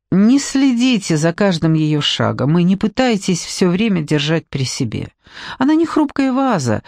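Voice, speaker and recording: A man's voice: fairly high pitch, vocal fry, darkish tone, no echo, studio quality. A man reading as an earnest young woman assistant. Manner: earnest, politely frank. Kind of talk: audiobook character reading.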